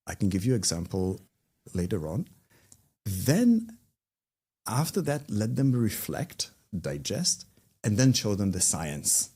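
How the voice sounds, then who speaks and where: Israeli-accented trainer guest, warm low voice, wide swinging pitch, slightly husky. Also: male voice, slow pace, long pauses. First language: Hebrew. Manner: lively, swings pitch widely, acts out quotes. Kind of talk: animated storytelling in a podcast interview.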